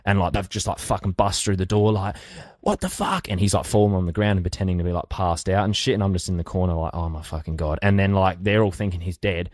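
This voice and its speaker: A young Australian man tells a crude story in a laid-back, rambling way, swearing constantly. His voice sits very low and barely moves in pitch. The recording is dry and close. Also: flat delivery, fast, hardly any pauses, darkish tone, dry recording. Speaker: interview guest. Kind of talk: casual storytelling.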